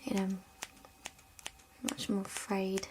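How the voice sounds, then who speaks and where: A woman speaks in a hushed, gentle whisper, slipping now and then into a soft spoken voice as she plays a hairdresser in an ASMR roleplay. Her voice sits at an ordinary middle pitch, and a faint hiss runs beneath the recording. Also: level tone, very slow.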